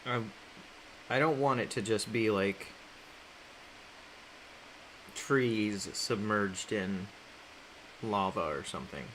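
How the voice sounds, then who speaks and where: A man's voice: on the low side, takes it slowly, pauses often, fairly bright tone, a little hiss or hum, low-quality recording. A man casually chatting on a livestream while drawing, reading chat aloud, rambling and laughing often. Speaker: artist streaming while drawing.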